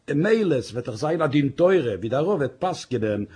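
A man doing a quiet, resigned young husband. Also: big pitch swings, normal speed, breathy edge, exaggerated voice. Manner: still, subdued, low-key.

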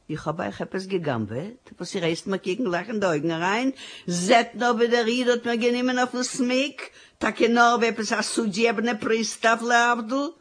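A woman performing a dramatic monologue as a poor grieving widow with five children, in a wailing, sing-song lament. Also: medium pitch.

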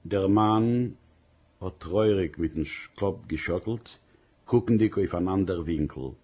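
A man reading a story aloud in an expressive storytelling manner. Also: low-pitched, measured pace, slightly rough.

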